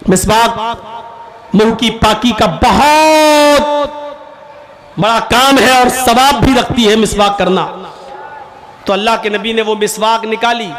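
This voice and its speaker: High, bright-voiced male preacher. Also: takes it slowly, long pauses. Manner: emphatic storytelling, rising and falling for emphasis. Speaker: Islamic preacher. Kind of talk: sermon.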